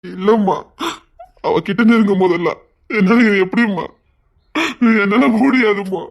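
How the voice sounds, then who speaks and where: A man's voice: high-pitched, unhurried, gravelly, highs cut off. An actor playing a guilt-ridden young man in a TV serial, crying as he confesses to his mother. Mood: anguished. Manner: anguished, tearful. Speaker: son. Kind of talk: TV serial acting.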